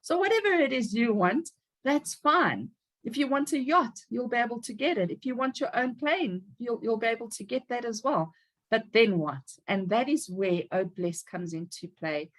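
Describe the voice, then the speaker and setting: A woman's voice: on the high side, lively intonation, normal speed. A woman, giving an upbeat, emphatic motivational talk as a team leader on a video call. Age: 50s.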